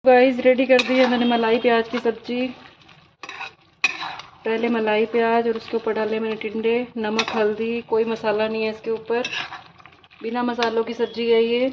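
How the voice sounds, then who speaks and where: A woman's voice: a little high, monotone, normal speed. A woman, chatting to viewers directly in a casual family vlog. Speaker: vlogger. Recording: slightly dull phone audio with faint noise.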